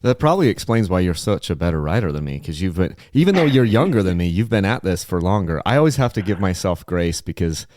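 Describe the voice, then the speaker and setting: A man's voice: deep voice, very animated, fast, few pauses, a little mellow, dry recording, studio quality. A man in his forties hosting a podcast, chatting casually and rambling with lots of fillers and restarts. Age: 40s. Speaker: podcast host.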